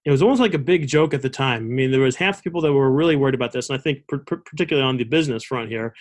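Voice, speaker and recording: A man hosting a conversational business interview show, speaking in a halting, rambling way. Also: medium pitch. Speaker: show host.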